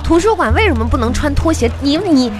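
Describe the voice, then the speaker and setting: A woman with a Northeastern Mandarin accent plays the scolding straight man in a comic dialogue. Her voice sits fairly high and moves in lively, wide swings, with music playing behind her. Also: fairly quick. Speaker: comic partner.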